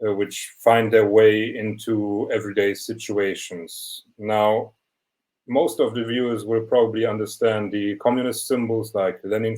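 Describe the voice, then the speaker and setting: A young man presents his photography series in a measured, explanatory way. His voice sits fairly low. It comes through a video call. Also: darkish tone, low-quality recording. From Germany. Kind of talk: online portfolio presentation.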